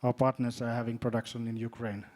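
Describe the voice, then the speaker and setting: A man from Finland with a Finnish accent, speaking as a panelist in a hesitant way, often repeating words and filling pauses. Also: medium pitch, flat delivery, a little mellow. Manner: halting, repeats words, many fillers. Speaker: panelist, drone company executive. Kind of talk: panel discussion.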